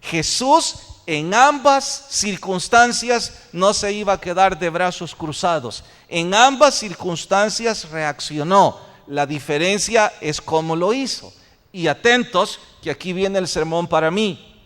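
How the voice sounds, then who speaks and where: A man's voice: high voice, expressive, takes it slowly, fairly bright tone. A man preaching a sermon as pastor, posing rhetorical questions to his congregation. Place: church sanctuary. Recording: long church reverb.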